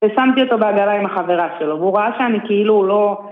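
Earnest mom asking for advice, choppy phrases, thin phone-line sound with a roomy echo. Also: female voice, mid-range voice. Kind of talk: casual chat. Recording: tinny echoey phone line.

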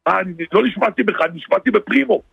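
A man's voice: high voice, gravelly, breathy edge, dry recording, heavily acted. A man voicing a gullible male buddy who parrots a silly ritual word for word. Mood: sheepish. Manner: plodding, parroting every word. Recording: tinny phone-like radio sound.

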